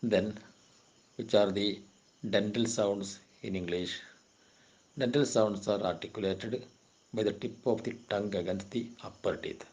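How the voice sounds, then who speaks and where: In a lowish, darkish voice with fairly even intonation, a Kerala-accented university lecturer covers linguistics exam questions and answers. He reads each English definition slowly and follows it with a faster explanation in Malayalam.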